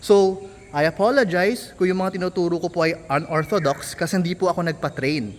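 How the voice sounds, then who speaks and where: A man's voice: sits high, a little fast. A young Filipino man with a Filipino accent, candidly explaining himself as an amateur tennis coach in a casual vlog. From Philippines. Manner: candid, apologetic, mixing English into Tagalog. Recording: long hall reverb, faint ambient noise.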